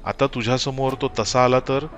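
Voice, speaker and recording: A man voicing a weary, frightened old father in an audiobook horror story, with a hoarse, trembling and hesitant voice. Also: mid-range voice, fairly even intonation, normal speed, soft background music, voice pushed up, lightly acted. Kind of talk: audiobook character voice.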